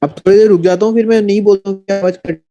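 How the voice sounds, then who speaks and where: Man, teacher, coaxing, voice cutting out on bad connection, dull lo-fi audio, high pitch. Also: fairly even intonation, rapid-fire, dark tone, no echo. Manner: coaxing, pushes students to work along. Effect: voice breaking up and cutting out over a bad connection. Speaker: math teacher. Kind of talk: online class. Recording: lo-fi, dull online call audio.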